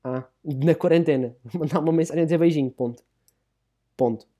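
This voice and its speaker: A man's voice: on the high side, mellow. A young man with a European Portuguese accent, co-hosting a casual podcast and acting out little scenes as he talks. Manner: rapid, acts out little scenes. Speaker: podcast co-host.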